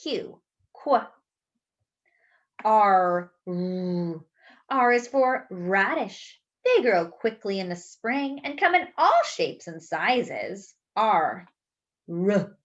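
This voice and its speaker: With a medium-pitched, very animated voice, a woman hosting story time reads a picture book to young children. She enunciates deliberately and slips in playful asides, though the audio sounds dull.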